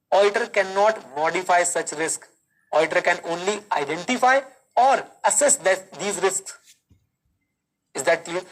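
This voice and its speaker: A male teacher giving a live online class, speaking slowly and deliberately, repeating key lines, quizzing students and mixing Hindi with English. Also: sits high, fairly bright tone, low-quality recording. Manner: mixes Hindi and English, calls students kids.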